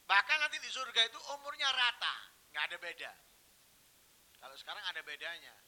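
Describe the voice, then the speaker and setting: A man preaching a sermon, telling stories and swinging from hushed, quiet phrases to loud, emphatic ones. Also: high-pitched, very animated, fairly quick, poor audio.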